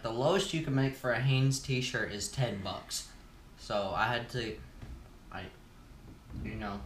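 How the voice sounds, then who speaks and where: A man's voice: fairly low pitch, background noise. A teenage boy hosting a casual Q&A vlog, chewing gum and rambling laid-back with lots of fillers. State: chewing gum while talking. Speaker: YouTuber host. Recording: roomy echo, from a distance.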